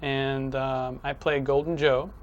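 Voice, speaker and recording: A man's voice: medium pitch, flat delivery, takes it slowly, highs cut off. A man introducing himself casually in an interview as a line producer and voice actor.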